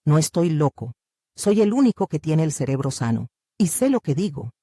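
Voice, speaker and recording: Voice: medium pitch, very animated, moderate pace, mellow, husky, dry recording, studio quality. An audiobook narrator reading the lines of a resentful, argumentative male disciple in a bitter, protesting manner.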